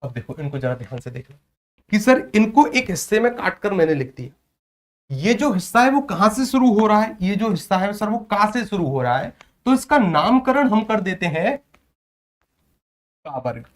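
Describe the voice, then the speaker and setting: A man teaching an exam prep lesson on Hindi sounds. He fires questions at his students and answers them himself, repeating each point. He sounds out letters one by one, slowly and drawn out. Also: sits high, sing-song.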